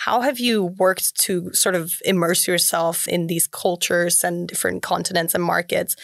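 A woman's voice: fairly low pitch, a bit bright, no room sound, studio quality. A woman hosting a podcast interview, listening attentively with short affirmations and asking questions. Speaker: podcast host.

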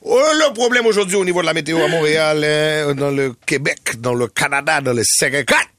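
Man doing a weatherman, boastful, singsong, high-ish voice, dry studio. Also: a little fast, fairly bright tone, dry recording. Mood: playful. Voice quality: singsong, theatrical, hammy. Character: boastful Haitian male radio weatherman. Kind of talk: comedy radio sketch.

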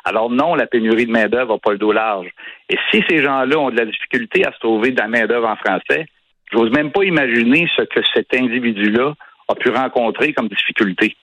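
A man's voice: mid-range voice, a little fast, fairly bright tone, dry recording, rough recording. A man with a Quebec French accent, a business association director, insistently arguing his point as a radio interview guest. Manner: insistent, emphatic, repeats points.

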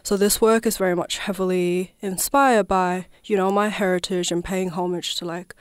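A woman's voice: on the low side, fairly even intonation, normal speed, smooth, dry recording. A woman from southwest China, a guest artist in a radio studio interview, talking reflectively and hedging often with "I suppose" and "like".

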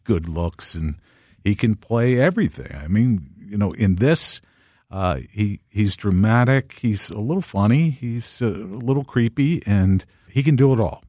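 A man's voice: on the low side, warm tone, husky, no echo, studio quality. A man co-hosting a podcast who chats about a movie in an easygoing, agreeable way. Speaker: podcast co-host. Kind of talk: casual film discussion.

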